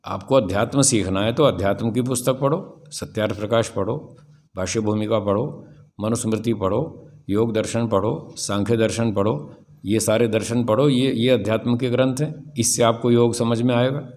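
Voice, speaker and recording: Older male swami, somewhat low voice, firm lecturing tone, poses questions to listeners. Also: steady tone, moderate pace, darkish tone. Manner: firm, rhetorical, asks the audience questions. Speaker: swami teaching scripture. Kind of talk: spiritual discourse lecture.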